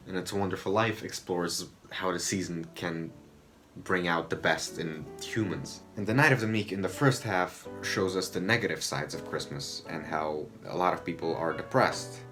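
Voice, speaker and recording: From a room in his home, a man from Romania reviews a TV episode in a loose, meandering way, cursing without restraint. He is a video essayist, and his low-pitched voice sounds a bit bright.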